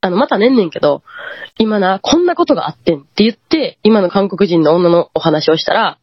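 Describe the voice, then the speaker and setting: Kansai woman guest, husky, lively pitch, muffled dry lo-fi call audio, animated ghost-story teller. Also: fairly quick, no echo. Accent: Kansai Japanese. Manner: animated, acts out quoted lines. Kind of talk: casual ghost-story telling.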